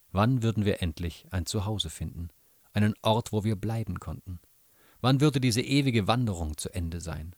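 Man, reader, literary reading, expressive, dramatic, low voice, dry sound. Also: no echo.

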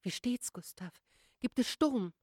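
A woman's voice: low voice, animated, moderate pace, slightly rough, no echo, clean studio sound, exaggerated voice. Seasick lady of the house, anxious and sighing, read by a female narrator. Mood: worried. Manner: sighing, hushed. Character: worried seasick mother, a gentry lady.

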